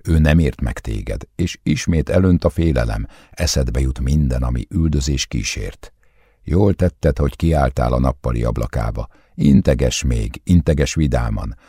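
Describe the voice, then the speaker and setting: A man doing a bottle of wine come to life, soft and intimate, coaxing and possessive, with a husky, dark grain in its voice that is lifted higher than the reader's own. It speaks in a close, dry storybook recording. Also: dry recording. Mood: scheming.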